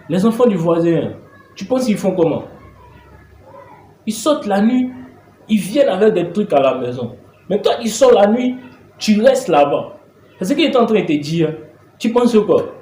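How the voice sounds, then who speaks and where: A man acting out an irritable father who scolds his daughter in a comedy sketch, his voice sitting a little high. He sounds exasperated and swears. The room is echoey, with a faint hiss behind him. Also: warm tone.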